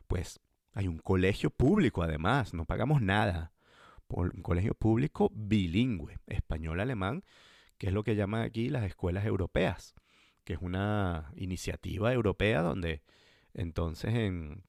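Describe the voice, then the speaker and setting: A man talking casually and thoughtfully about his life as an expat father, pausing often on fillers as he explains. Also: sits low, creaky, no room sound, clean studio sound. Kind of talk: casual conversational storytelling.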